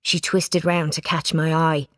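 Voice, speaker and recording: A woman reading a children's storybook aloud, giving it lively expression. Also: low voice, measured pace, no room sound. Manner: lively character voices, plain narration. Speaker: audiobook reader. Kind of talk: storybook narration.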